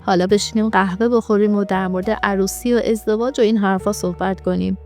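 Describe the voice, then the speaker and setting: A woman's voice: medium pitch, steady tone, a little mellow, lightly acted. Woman reading a cheeky joker guy, teasing banter, faint music behind. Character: cheeky joking young man.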